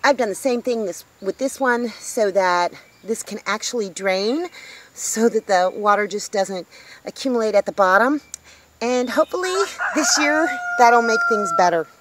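Out in a rural yard by her tiny house, a homesteading vlogger in her fifties talks about her garden to a handheld camera. Her voice is on the high side at a moderate pace, and the recording carries a little hiss or hum. The tone is casual, chatty and upbeat, with exclamations at small discoveries.

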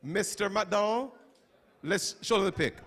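A middle-aged man with a high, unhurried voice addresses students in a school chapel over a handheld microphone. He's animated throughout, asking questions and calling on people in an interactive talk.

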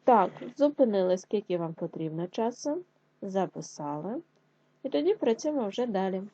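A woman teaching a young children's class, sounding out syllables slowly and patiently. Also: medium pitch, very animated, dark tone, no room sound. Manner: slow, clearly spelled-out syllables, patient. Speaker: primary school teacher. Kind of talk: slow online lesson for young children. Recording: dull lo-fi sound.

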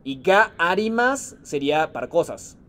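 A man's voice: a little high, big pitch swings, a little slow, a bit bright. A man teaching a Japanese class in Spanish, patiently calling on students by name and mixing Japanese phrases into his explanations. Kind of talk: online class lesson.

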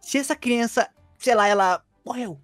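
A woman with a Brazilian accent playing along in a Minecraft role-play, quick and nervous. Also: a little high, no room sound, soft background music. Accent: Brazilian Portuguese. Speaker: co-player.

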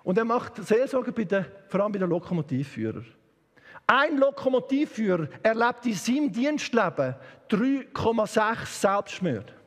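A man's voice: very high-pitched, slightly rough, big-room sound. A man with a Swiss German accent preaching an impassioned, emphatic sermon in a church. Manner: impassioned, emphatic, with sudden shifts of pace. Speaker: guest preacher.

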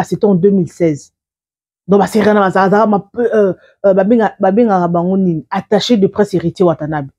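A woman's voice: medium pitch, mellow, breathy edge, dull audio. A woman giving casual, rambling commentary as a celebrity news vlogger, often repeating and restarting her words.

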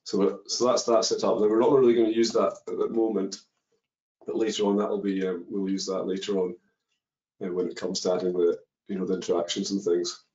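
In dull, echoey webinar audio, a man with a fairly low, dark voice walks through code step by step during a live coding webinar, filling his explanation with lots of ums and uhs.

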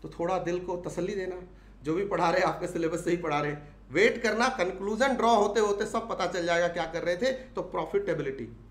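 A man's voice: sits high, fairly quick, reverberant. A male teacher with an Indian English accent, giving a classroom lecture, asking the students questions and repeating the key points.

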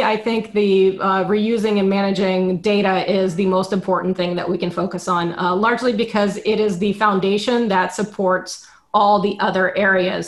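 A woman in her thirties, a product manager, explaining points in order on a video call from a dim room at home. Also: mid-range voice. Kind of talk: panel discussion on a video call. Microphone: webcam on a video call.

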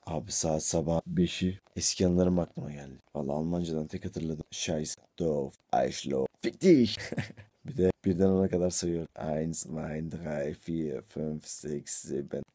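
A young man with an extremely low, mellow voice. He chats casually into his phone, with a close, dry sound. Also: normal speed, no echo. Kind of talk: casual selfie chat. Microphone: phone at arm's length.

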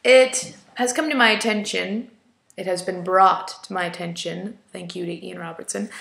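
A woman's voice: mid-range voice, gravelly, fairly bright tone, echoey room. A young adult woman vlogging in a casual, rambling way, full of filler words. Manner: chatty, rambling, many "like"s. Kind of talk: casual vlog chat.

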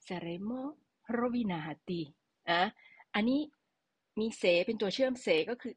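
A woman's voice: on the high side, normal speed, breathy edge, no room sound. A woman teaching a language lesson, patiently explaining and repeating key words for her students.

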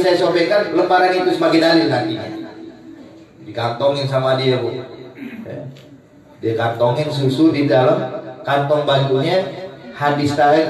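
A man from Indonesia delivers a humorous, story-driven sermon and keeps turning to his audience. His fairly high voice rings through a large, reverberant hall, picked up far from the mic. A live crowd is heard around him. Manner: lively storyteller, addresses the congregation directly. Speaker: preacher.

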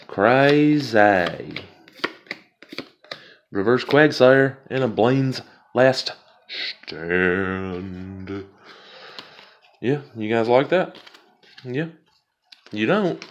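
A man's voice: medium pitch, lively intonation, extremely slow, long pauses, muffled recording, a little hiss or hum. A man casually talking viewers through opening card packs, rambling and amused at himself. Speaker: card pack opening vlogger. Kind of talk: casual unboxing commentary.

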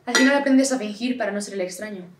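A young actress playing a young woman who feels nothing, speaking in a quiet, detached monologue. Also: medium pitch, fast talker, noisy background, natural voice. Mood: wry, reflective. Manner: quiet, hushed and detached delivery. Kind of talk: theatrical monologue. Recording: voice from a distant mic.

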